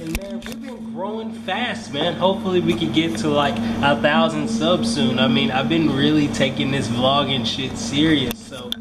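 A man's voice: a little high, normal speed, hardly any pauses. A young man talking in a nervous, jittery, slangy and profane way, as in a casual late-night vlog. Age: young adult. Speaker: vlogger. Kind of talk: casual horror-challenge vlog. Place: indoors at home at night, small rooms. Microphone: handheld camera at arm's length. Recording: noisy handheld camera, household hum.

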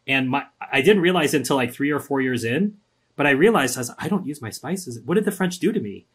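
Fairly quick and breathy-edged, a medium-pitched man from Singapore chats casually as a guest on a podcast interview. He's animated in his storytelling and gives the people he quotes their own voices.

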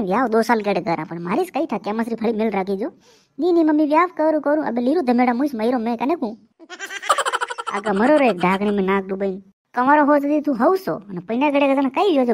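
Rajasthani woman for a comic cartoon, high, fast bantering delivery. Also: darkish tone, a little hiss or hum. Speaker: cartoon comedy voice actor. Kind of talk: comic dialect cartoon voicing.

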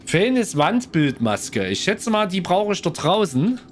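Lively male let's-play streamer, a bit higher than average, reads lore aloud between chatty asides. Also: a little slow, soft background music. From Germany. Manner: chatty, lively, addresses viewers. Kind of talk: casual game commentary and reading aloud.

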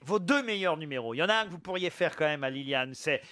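A man's voice: on the high side, lively intonation, fast talker, pushed and bright, dry recording, studio quality. A man hosting a radio quiz show, teasing the panelists and reading out questions. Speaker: game show host. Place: radio studio with live audience.

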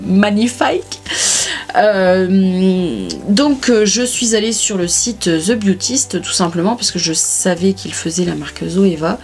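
A woman, chatting casually to camera about her beauty purchases, with lots of hesitations and restarts. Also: medium pitch. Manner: chatty, many fillers and restarts. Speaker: beauty vlogger. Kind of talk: casual haul chat to camera.

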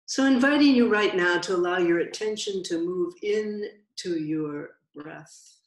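A meditation teacher guides a session in a voice that is low for a woman, speaking very slowly and gently with long pauses between short phrases. The room is spacious, and a clear echo surrounds her voice.

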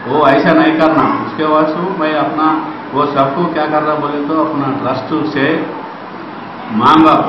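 A man who runs a charity trust speaks in an interview, halting and rambling with frequent restarts. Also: a little high, fairly even intonation. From Telangana. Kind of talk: interview at a school event. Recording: very echoey, distant, muffled, noisy.

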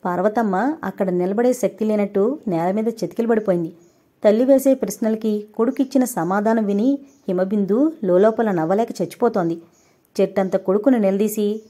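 Mellow-voiced woman narrating a novel. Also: mid-range voice. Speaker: audiobook narrator.

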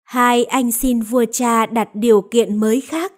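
Slow, high-voiced woman narrating a Vietnamese folktale. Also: fairly even intonation. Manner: measured storybook reading. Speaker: storyteller narrator. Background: background music.

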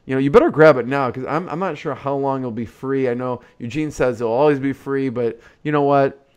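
Guy hosting an interview podcast, really clear voice, talking close into a desk mic. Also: medium pitch, a little fast, a little mellow. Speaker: podcast host. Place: indoor studio or office, on video call. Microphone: large desktop microphone, close.

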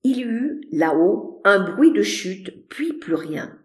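A woman narrating a classic novel as an audiobook, measured and expressive. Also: medium pitch. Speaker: audiobook reader. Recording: roomy echo.

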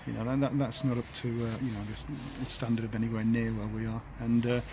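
A man in his fifties, an English football manager, giving a halting post-match interview outdoors by the pitch, full of fillers and restarts. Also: flat delivery. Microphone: handheld camera at close range. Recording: outdoor noise behind.

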